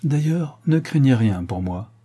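A man reading an audiobook, voicing a charming, teasing gentleman thief with playful confidence. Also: mid-range voice, lively intonation, measured pace, slightly rough, voice pushed up.

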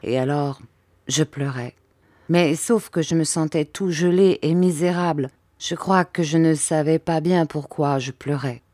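Low-voiced woman reading a novel aloud. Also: a little slow, warm tone, dry recording, clean studio sound. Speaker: audiobook reader. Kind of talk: scripted narration.

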